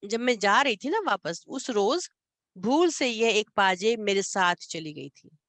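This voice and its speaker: A woman voicing a fussy, inquisitive middle-aged aunt in a story reading, speaking higher and slower with a questioning tone. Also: expressive, fairly bright tone, dry recording. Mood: offhand.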